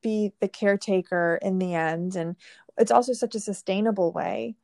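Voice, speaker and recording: A woman hosting an interview, who affirms her guest warmly and asks measured questions. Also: mid-range voice, creaky, no echo, studio quality. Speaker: interview host. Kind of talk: casual interview conversation.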